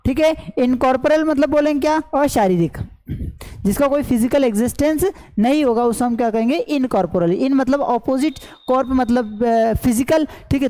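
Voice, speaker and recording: Woman tutor, high and mellow, slow and repetitive, with fillers and quiz-style questions. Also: rough recording. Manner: repetitive question-and-answer teaching, many fillers. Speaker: English vocabulary teacher. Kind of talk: explaining lesson in Hindi with English terms. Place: online class recording.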